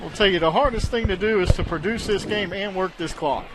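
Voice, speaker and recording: Man, color commentator on a local football stream, fairly high voice, jokey banter. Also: brisk, noisy background. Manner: joking banter with co-hosts.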